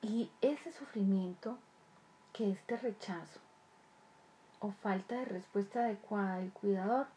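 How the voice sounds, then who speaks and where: Speaking a little slowly with long pauses, a child development speaker addresses parents in a mellow, medium-pitched voice over a faint hiss or hum. Her explanatory talk on raising children is earnest, with repeated phrases and rhetorical questions.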